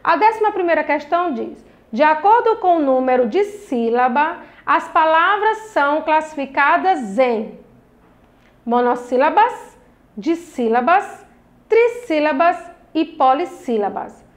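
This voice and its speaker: A woman's voice: high voice, lively intonation, measured pace. A young Brazilian woman teaching a recorded lesson to children, patient and encouraging, drawing out each syllable of words. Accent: Brazilian Portuguese. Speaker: primary school teacher.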